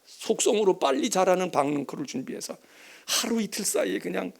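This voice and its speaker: A male pastor preaches in a church with an animated, talky and emphatic delivery, his pitch leaping widely. His voice sits fairly high for a man and carries a gravelly rasp. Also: a little fast. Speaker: senior pastor. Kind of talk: sermon.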